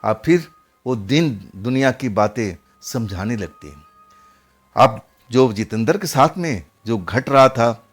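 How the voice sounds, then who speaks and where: A man's voice: mid-range voice, expressive, a little slow, faint music behind. A man narrating a horror story in a casual, conversational way, often repeating his phrases.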